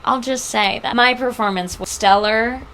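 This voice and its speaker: Bright-voiced woman cohost, playful dramatic banter, faint hiss. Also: on the high side, normal speed. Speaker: podcast co-host. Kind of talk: casual chat.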